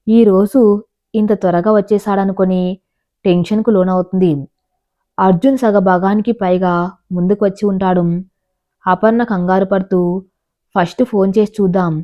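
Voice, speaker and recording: Calm female storyteller, mid-pitched, measured delivery, slightly muffled lo-fi recording. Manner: calm, measured storytelling, reading quoted lines in the same voice. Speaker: narrator. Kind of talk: storytelling narration. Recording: dull lo-fi recording.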